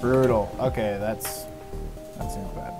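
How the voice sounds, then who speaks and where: A man's voice: lowish voice, steady tone, slow pace. A young man giving casual, sweary live commentary as he streams a game, often muttering to himself. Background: video game music.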